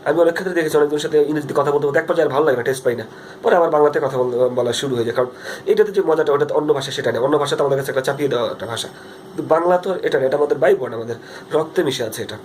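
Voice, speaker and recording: Fast-talking Bangladeshi man on a phone vlog. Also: a little high, darkish tone, a little hiss or hum. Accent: Bangladeshi Bengali. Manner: earnest, rambling with frequent fillers and restarts. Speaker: vlogger. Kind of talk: casual video diary monologue. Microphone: phone front camera.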